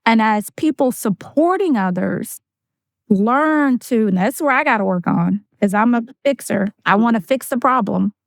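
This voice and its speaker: Woman, podcast host, affirming interviewer, slightly high pitch, dry close sound. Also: animated, moderate pace, vocal fry, no room sound. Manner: warmly encouraging interviewer, affirming.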